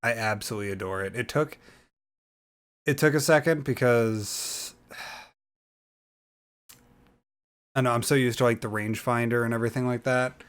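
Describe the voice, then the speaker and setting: A man's voice: fairly low pitch, fairly bright tone. A young man giving a casual, rambling reaction commentary, hesitant and full of fillers. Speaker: YouTuber reacting to a trailer.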